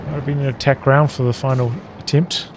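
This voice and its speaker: Over loud video game artillery, gunfire, explosions and vehicle noise, a man calls a strategy game live in short, broken running comments. His mid-range voice is flat and fairly quick, and the background is noisy.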